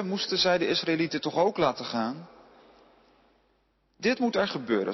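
A man reading a Bible passage aloud at a steady pace, now and then correcting a slipped word. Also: on the high side, slightly rough, big-room sound, muffled recording. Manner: steady reading with occasional slips and self-corrections. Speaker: scripture reader.

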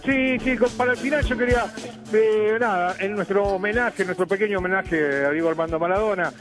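A man with a Rioplatense accent, co-hosting a comic radio show and telling stories in halting bursts with many restarts. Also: sits high, faint music behind, low-quality recording. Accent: Rioplatense Spanish. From Buenos Aires, Argentina. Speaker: radio co-host.

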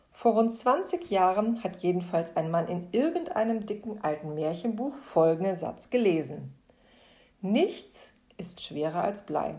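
A woman reading a playful children's story aloud, switching into lively voices for the quoted characters. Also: medium pitch. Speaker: narrator.

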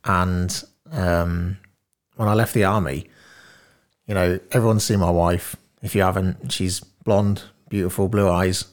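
Laid-back low-voiced man in his thirties. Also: fairly even intonation, measured pace. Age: 30s. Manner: laid-back, laughs often, swears casually. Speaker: podcast guest, diet coach. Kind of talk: casual storytelling interview.

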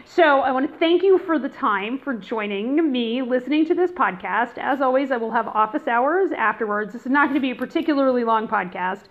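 Animated and brisk, with barely any pauses, a woman with a slightly high voice runs a chatty, informal educational podcast aimed directly at listeners. She's in a room of a rental house, and her headphone mic makes the sound thin and phone-like.

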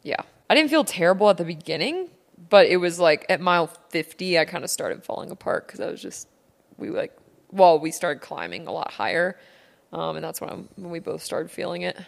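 A woman's voice: fairly low pitch, big pitch swings, a little fast, gravelly, in a large hall. A woman co-hosting a podcast in casual, informal chat, rambling through stories. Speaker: podcast co-host.

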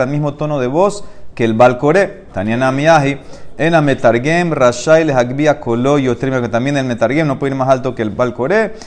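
Man teaching a Talmud class. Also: fairly high pitch. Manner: explains step by step, mixing Hebrew and Aramaic phrases.

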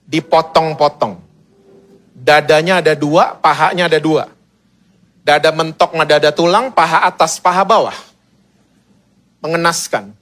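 A man's voice: a little high, steady tone, measured pace, pauses often, fairly bright tone. A male pastor preaching a sermon as humorous, slangy storytelling.

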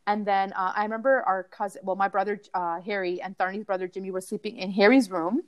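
A young woman co-hosting a podcast, telling a family story in a chatty, animated way, laughing often and full of "like" fillers. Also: medium pitch, quick pace. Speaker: podcast co-host. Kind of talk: casual storytelling chat.

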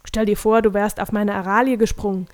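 A woman's voice: mid-range voice, level tone, a little fast, a little mellow, dry recording, natural voice. Woman reading a proud old creature gardener. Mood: proud fussy.

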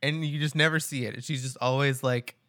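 A man co-hosting a podcast, chatting casually with lots of fillers and restarts. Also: medium pitch. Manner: relaxed, halting, filler-heavy. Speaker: podcast co-host.

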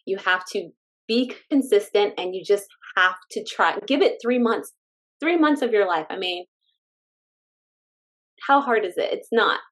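A woman from California, a stay-at-home mom, talking as a guest in a casual interview, heartfelt and enthusiastic with frequent laughs. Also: mid-range voice.

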